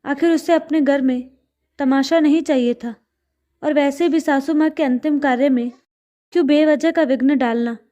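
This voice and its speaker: A woman narrating a moral family story in a steady, scripted reading. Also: sits high, normal speed.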